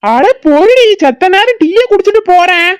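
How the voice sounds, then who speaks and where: A woman voicing a grumpy old village grandfather in a cartoon, with a southern Tamil Nadu accent, gruffly scolding and teasing his family. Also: very high voice, animated, normal speed, dry recording, studio quality. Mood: grumbling. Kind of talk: cartoon voice acting.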